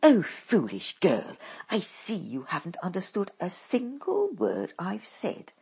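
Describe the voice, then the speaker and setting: A woman performs a scheming storybook stepmother witch, bossy and scornful, impatiently snapping orders at her daughters. The heavily acted voice is very husky and a little mellow, sitting on the low side yet above her natural pitch. It swoops wildly with huge pitch swings and moves slowly.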